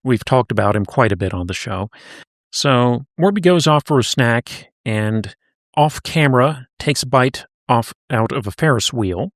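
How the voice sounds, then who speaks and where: A man's voice: mid-range voice, expressive, measured pace, no room sound, studio quality. A man co-hosting a podcast, recapping and chatting in a conversational storytelling way. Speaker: podcast co-host. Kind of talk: casual podcast chat.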